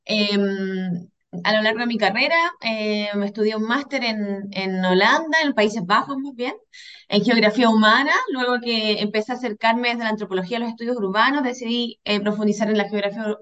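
A woman's voice: a little high, fairly quick, a bit bright, lo-fi sound. A woman from southern Chile, a guest anthropologist, answering questions hesitantly with many fillers. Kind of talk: casual interview.

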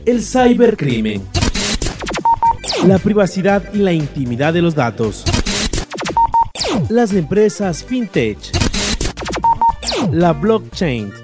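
A man reading a scripted show introduction in a dramatic, drawn-out way. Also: high-pitched, very animated. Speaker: show announcer. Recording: loud music under the voice.

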